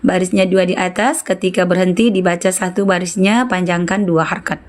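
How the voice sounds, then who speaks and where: A woman's voice: fairly low pitch, fairly even intonation, a little fast. A woman teaching Quran recitation in an online lesson, patiently correcting students and repeating syllables to model how they should sound.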